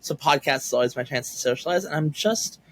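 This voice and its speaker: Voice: mid-range voice, fast talker, fairly bright tone, no echo. A game designer chatting as a podcast guest, rambling and self-deprecating with lots of fillers. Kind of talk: casual interview chat.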